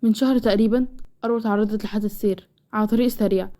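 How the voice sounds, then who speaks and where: A woman's voice: medium pitch, fairly even intonation, very fast, dark tone, close to an everyday voice. A woman voicing a serious young man breaking bad news, explaining urgently.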